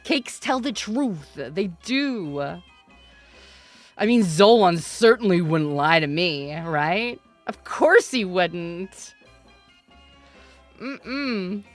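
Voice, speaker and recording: A woman in her thirties hosting a live stream in casual chat. She teases her viewers, laughs often, and breaks into loud mock protests. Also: medium pitch, expressive, extremely slow, soft background music. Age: 30s. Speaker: streamer host.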